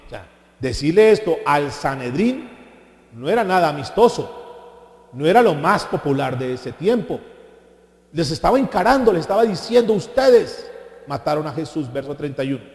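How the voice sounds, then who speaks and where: Animated man preaching in an echoey hall. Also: a little high, normal speed. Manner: animated preaching with rhetorical questions and mocking impressions. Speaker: pastor. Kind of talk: sermon.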